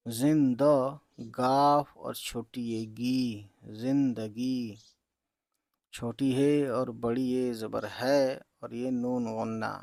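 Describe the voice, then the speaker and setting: Male reading teacher, gravelly and unhurried, dry close sound; sounds out each letter patiently. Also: mid-range voice, a little mellow, no room sound. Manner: spells out letters and vowel marks slowly, says "theek hai" often. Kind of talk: slow letter-by-letter reading lesson.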